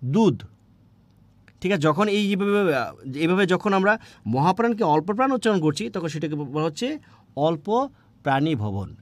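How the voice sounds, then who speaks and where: A man's voice: high voice, sing-song, moderate pace, dry recording. A man teaching a grammar lesson, quizzing his students with questions he answers himself, with a Bangladeshi Bengali accent. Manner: fillers and restarts, drops softer when thinking. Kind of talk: exam prep lecture.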